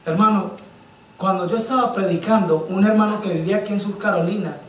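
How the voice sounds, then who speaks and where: A man from Colombia, preaching a sermon and telling stories with passion, often calling his listeners brother. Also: high voice. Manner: impassioned storytelling, keeps addressing listeners as brother. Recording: echoey church sound from a distant mic.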